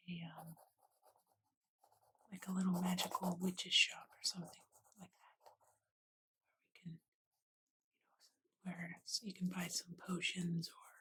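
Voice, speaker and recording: A medium-pitched, soft and breathy whisper belongs to an ASMR art host of unclear sex who narrates a drawing gently and slowly in short murmurs. The close USB condenser mic yields a noisy recording full of clicks, hiss, and pen-on-paper sounds.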